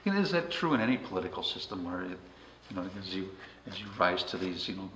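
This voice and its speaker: A man interviews a guest in a relaxed, halting way, filling gaps with hesitations. His voice is fairly low. The room sounds echoey, with faint noise behind. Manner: hesitant, with many fillers. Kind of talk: casual interview chat.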